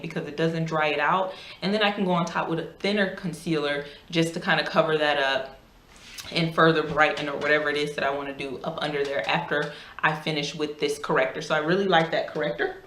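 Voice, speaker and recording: A woman's voice: lowish voice, a bit bright, roomy sound. A woman chatting casually and emphatically in a product review, her speech slightly thick from a swollen mouth. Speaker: beauty YouTuber.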